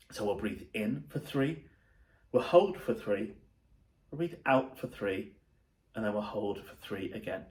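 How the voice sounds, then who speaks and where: A man's voice: lowish voice, darkish tone. A man talking viewers through a breathing exercise in a casual instructional style.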